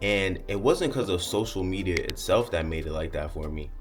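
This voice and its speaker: A man's voice: deep voice, expressive, normal speed, soft background music. A young man vlogging in a candid, profane ramble to camera, often smiling and half-laughing as he talks. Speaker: content creator. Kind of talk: casual candid monologue to camera.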